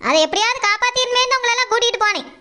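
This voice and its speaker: A woman's voice: very high voice, lively intonation, racing, heavily acted. A woman with a southern Tamil Nadu dialect voicing a defiant, quarrelsome village woman in a cartoon, talking back sharply. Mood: aggrieved. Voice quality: sharp retorting. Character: defiant quarrelsome village woman who lost her chain.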